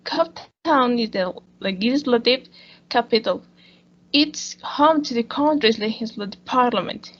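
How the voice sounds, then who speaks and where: Slow-reading woman, gravelly lo-fi. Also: a little high. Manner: slow, careful reading with small restarts. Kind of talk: read-aloud school presentation.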